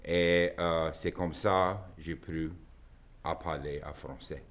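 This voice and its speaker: A man from Louisiana, answering interview questions in halting, plain-spoken with restarts. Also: low-pitched, fairly even intonation, fairly bright tone. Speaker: guest. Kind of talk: casual conversational interview.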